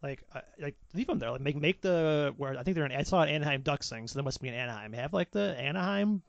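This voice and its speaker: A man's voice: a little high, expressive, fast talker, gravelly, dry recording. A man co-hosting a podcast, chatting casually and rambling with lots of restarts while watching wrestling. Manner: rambling, self-interrupting, chatty. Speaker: podcast co-host. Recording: dull lo-fi podcast audio.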